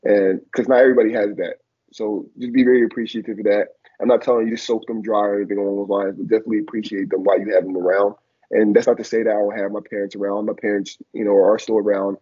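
A young man, born in Liberia and raised in Philadelphia, once played college football and now reflects aloud as a guest on a video call, filling his speech with many fillers. His voice sits fairly low and sounds husky. The casual interview comes from a small indoor room through a laptop camera, and the audio is dull and lo-fi.

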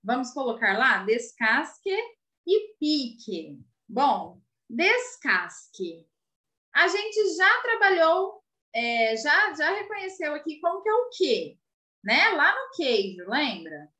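Slow, lively high-voiced woman teacher. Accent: Brazilian Portuguese. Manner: patient, spells out and repeats words slowly, asks checking questions. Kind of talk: recorded video lesson for children. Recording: roomy echo.

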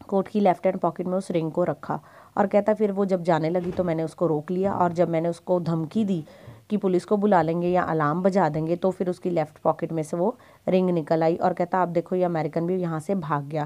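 Low mellow Indian woman teaching. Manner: explanatory, retelling a story with frequent asides. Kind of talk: chapter summary lesson.

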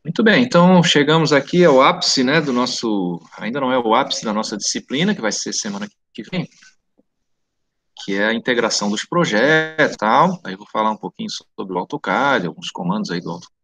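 A man's voice: mid-range voice, animated, brisk, fairly bright tone. Santa Catarina man with slushy sh-like s. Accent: Santa Catarina Brazilian Portuguese. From Santa Catarina, Brazil. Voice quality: slushy sh sound for s. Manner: conversational, frequent checking tags. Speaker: technical course teacher. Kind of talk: informal live online lecture. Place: indoor room at home, online video call.

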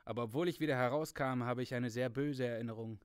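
A man's voice: medium pitch, fast talker, clean tone, dry recording, close to an everyday voice. Male reader doing a weary ranger, earnest, sombre, dry sound.

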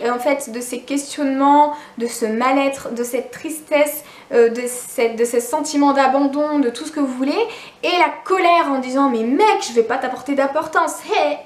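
A woman's voice: sits high, normal speed, reverberant. A woman YouTuber telling a personal story in a casual vlog, candid and chatty, with frequent restarts and asides to her viewers.

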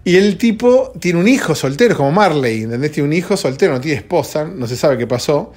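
A man's voice: fairly high pitch, expressive, fairly quick, darkish tone. A sleepy man with a Rioplatense Spanish accent, rambling conversationally as a podcast host, recorded at home at dawn. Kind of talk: solo podcast chat.

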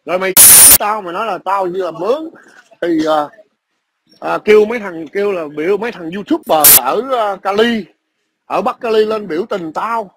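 A man's voice: high-pitched, normal speed, background noise. A man, ranting aggressively and profanely into a phone camera at his workplace. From Vietnam. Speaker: vlogger. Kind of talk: angry ranting video message.

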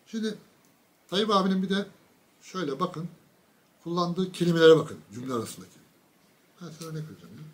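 A man's voice: a little high, a little fast, long pauses. A man giving a casual political commentary monologue, mocking and sarcastic, talking straight to his viewers with emphatic lists.

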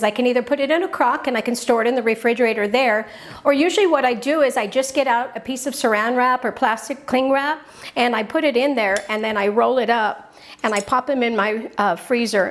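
Cooking host, middle-aged woman, higher voice with a gravelly edge, chatty and upbeat, home kitchen. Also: a little hiss or hum. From New Mexico. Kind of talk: cooking demonstration.

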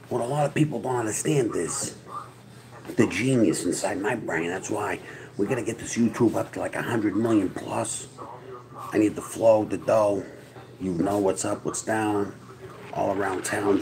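A man's voice: lowish voice, creaky, low-quality recording. A man, rambling through a profane, tough-talking monologue to camera. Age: 40s. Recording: crowd noise in background.

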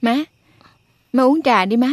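An actress playing a dutiful young wife with a Southern Vietnamese accent, speaking in a soft, coaxing way. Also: female voice, fairly high pitch, a little slow, no room sound, clean studio sound. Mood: soothing.

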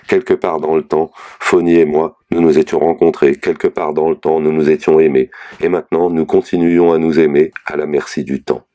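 A man narrating a novel aloud in a slow, measured, reflective reading. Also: rumbling low, mellow. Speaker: reader of a novel. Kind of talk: literary audiobook reading.

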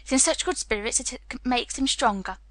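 A woman's voice: fairly high pitch, fairly quick, no echo, lightly acted. A woman voicing a firm, no-nonsense nurse who speaks in a clipped manner.

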